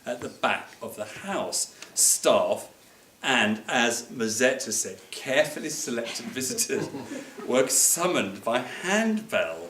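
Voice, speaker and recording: Brit man, memorial speech, lively up-and-down delivery, chuckling raconteur, roomy echo and noisy background. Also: mid-range voice, slow. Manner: wry, laughing, digressive storytelling. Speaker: speaker at a memorial reception. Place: museum reception room. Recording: echoey room with background noise.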